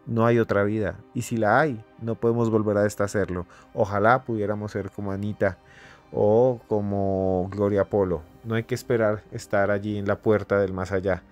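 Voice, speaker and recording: A low-voiced man narrates a fable on his podcast, stressing his points by repeating words. A faint music bed sits beneath his storytelling. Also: fairly even intonation, moderate pace. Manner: emphatic, repeats words for effect. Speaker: podcast host.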